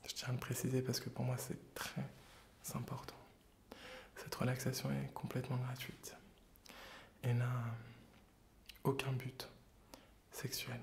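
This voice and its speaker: A man hosting ASMR in a gentle, hesitant whisper, very close in the ear on binaural microphones. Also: mid-range voice, completely flat delivery, unhurried, gravelly, pauses often. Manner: gentle, soft-spoken. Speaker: ASMR video host. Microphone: close binaural stereo microphones.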